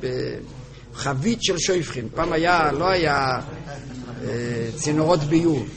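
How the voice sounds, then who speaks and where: A man telling a story to a group at a gathering, halting and often repeating and restarting his words. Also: on the high side. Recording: crowd chatter behind voice.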